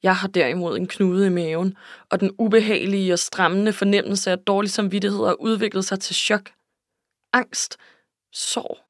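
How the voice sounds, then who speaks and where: A woman's voice: mid-range voice, steady tone, no echo, clean studio sound. A woman reading a first-person novel aloud in an emotional, intimate way. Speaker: audiobook narrator. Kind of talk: scripted first-person narration.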